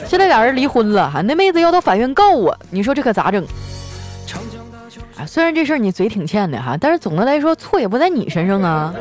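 A woman's voice: mid-range voice, big pitch swings, fast talker, soft background music, some chatter behind. A woman host, chatty and teasing, reading funny listener stories and laughing along as she tells them. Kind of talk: comic storytelling.

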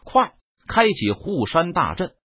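A man's voice: a little high, big pitch swings, measured pace, breathy edge, dry recording, voice pushed up, exaggerated voice. A man reading an audiobook, voicing a stern, commanding deputy leader of a sect. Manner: stern, clipped orders. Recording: dull lo-fi dry recording.

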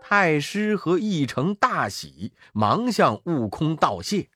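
A man narrating a children's story in a lively, expressive way. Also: a little high, slow pace, a little hiss or hum.

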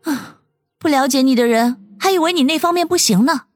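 A woman's voice: sits high, brisk, faint music behind, close to an everyday voice. A woman voicing a bold young woman who scolds and teases sarcastically. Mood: sarcastic. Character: bold, sharp-tongued young woman, elder cousin.

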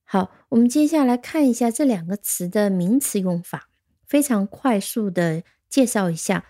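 A woman's voice: medium pitch, expressive, moderate pace, warm tone. A woman teaching English vocabulary, patiently explaining words and spelling them out letter by letter. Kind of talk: vocabulary lesson.

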